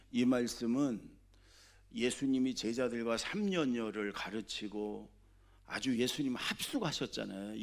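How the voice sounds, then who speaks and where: A man preaching a Sunday sermon as senior pastor, talking conversationally and often asking the congregation questions, swinging between loud exhortation and soft asides. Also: mid-range voice.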